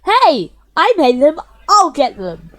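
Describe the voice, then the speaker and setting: A woman voicing a sassy, prickly teenage schoolgirl who talks loud and bratty. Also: a little high, sing-song, a little slow, no room sound, poor audio.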